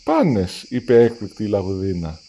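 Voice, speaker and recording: A man reading a children's storybook aloud, lively and acting out the characters' lines. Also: mid-range voice. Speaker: storybook reader.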